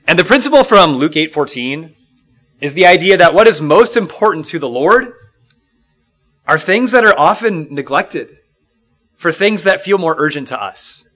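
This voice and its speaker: A middle-aged man from Minnesota gives a Bible lesson. He sounds bright and forceful, earnest and reflective, and often pauses on fillers or starts a sentence over. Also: fairly high pitch, lively intonation. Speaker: Bible class teacher.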